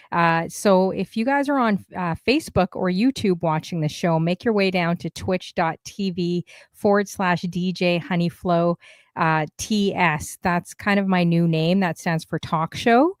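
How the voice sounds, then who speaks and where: A woman's voice: lowish voice, measured pace, no room sound, studio quality. A woman from Canada hosting a casual livestream talk show, chatty and upbeat, with lots of fillers.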